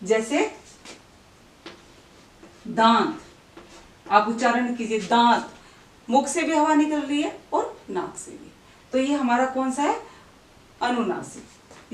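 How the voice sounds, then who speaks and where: A woman teaching in a bright voice, in an echoing room. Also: on the high side, far from the mic. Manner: explains step by step, asks questions and answers them, asks the listener to repeat words. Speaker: Hindi teacher. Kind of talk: classroom-style grammar lesson. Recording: echoey room, voice away from the mic.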